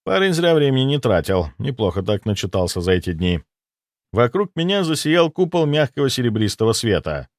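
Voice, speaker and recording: A man's voice: mid-range voice, big pitch swings, brisk, dry recording, clean studio sound. Man narrating a fantasy audiobook with wry asides.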